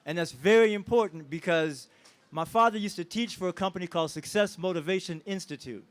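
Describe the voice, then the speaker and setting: A family member honors his parent in a public speech outdoors at a street celebration, talking a little fast in a high voice. He is moved but stirring, drawing the crowd in with call-and-response questions.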